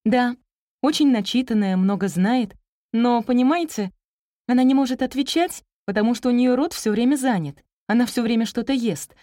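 A woman's voice: a little high, moderate pace, warm tone, no echo, studio quality, pitched above the performer's own voice, lightly acted. A woman voicing a flustered, eager young female teacher in an audiobook story, talking in a nervously cheerful, babbling way. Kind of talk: audiobook character reading.

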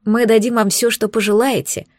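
A woman voicing a gentle young woman who begs for help in a storybook reading, in a soft, imploring way. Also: fairly high pitch, little pitch movement, normal speed, dry recording, studio quality, lightly acted. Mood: pleading.

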